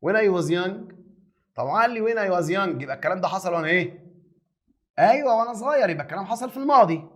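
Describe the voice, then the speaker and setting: Egyptian male English teacher, high-pitched and rapid, lively lecturing style with rhetorical questions. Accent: Egyptian Arabic. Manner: lively, teasing, asks and answers his own questions. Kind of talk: exam review lesson.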